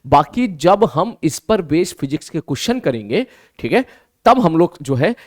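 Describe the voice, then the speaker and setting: A male teacher with a high voice, talking through a maths lesson in a lively way and voicing his students' replies himself. He slows right down to spell out new terms. The sound is dry and close, with no room echo. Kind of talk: online math lesson.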